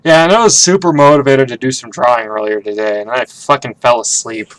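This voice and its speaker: A man's voice: medium pitch, a little fast. A man chatting casually on a stream while drawing, rambling and swearing freely. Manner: rambling, profane.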